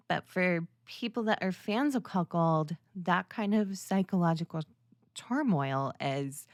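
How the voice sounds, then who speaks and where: Slow-paced, lower-voiced woman podcaster. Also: darkish tone, no room sound, studio quality. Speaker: podcast host. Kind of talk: solo podcast monologue, conversational explainer.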